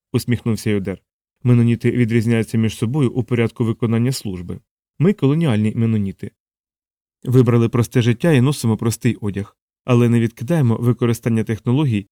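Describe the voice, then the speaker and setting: A man as a calm, courteous Mennonite elder. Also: medium pitch, dry recording, clean studio sound, close to an everyday voice. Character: calm, polite Mennonite community leader, man.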